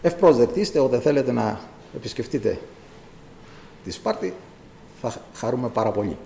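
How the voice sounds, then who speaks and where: Impassioned male preacher, gravelly voice. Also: mid-range voice, expressive, mellow, a little hiss or hum. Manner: impassioned, rising to emphatic cries. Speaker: visiting preacher. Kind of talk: sermon. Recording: echoey church hall.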